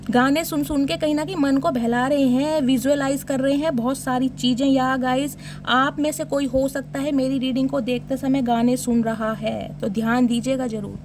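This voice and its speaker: A woman with a high-pitched, slightly mellow voice gives a casual tarot reading, teasing and joking as she addresses her viewers. A little hiss or hum sits in the recording.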